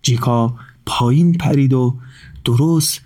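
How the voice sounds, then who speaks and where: A man narrating a children's story in a gentle, measured reading voice. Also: medium pitch.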